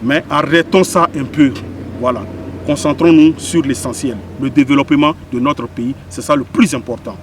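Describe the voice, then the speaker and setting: A man's voice: mid-range voice, steady tone, moderate pace, slight background noise. A man from Ivory Coast with an Ivorian French accent, giving an impassioned address that repeats points and questions the listener. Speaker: spiritual medium giving a public message. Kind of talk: impassioned direct-to-camera address.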